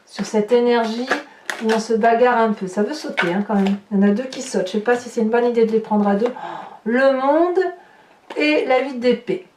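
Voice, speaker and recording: A woman with a fairly high, darkish voice talks at normal speed, with a little hiss or hum in the audio. She hosts a horoscope channel and gives an informal tarot reading, addressing viewers directly and thinking aloud with rhetorical questions and small tag words. The mic is distant and the room echoes.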